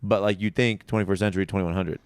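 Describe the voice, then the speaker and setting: A man's voice: sits low, fairly even intonation, fast, smooth, no echo, clean studio sound. A young man hosting a podcast in casual chat, goofy and playful, laughing often. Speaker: podcast host.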